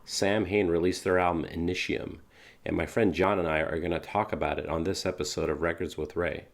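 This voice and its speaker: A man's voice: low-pitched, level tone, fairly quick, gravelly, a little hiss or hum. A man hosting a show about records, chatting casually with a friend and laughing easily. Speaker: podcast host.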